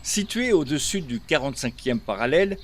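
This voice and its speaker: A man narrating a local news report in a measured, scripted reading. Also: fairly high pitch, big pitch swings, slight background noise. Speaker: voice-over reporter.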